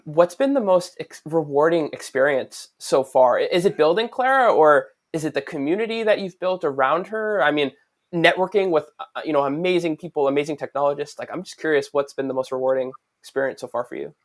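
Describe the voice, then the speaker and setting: Male podcast host, slightly high voice, eager and excitable interviewer. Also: fairly quick. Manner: enthusiastic, excitable questioner.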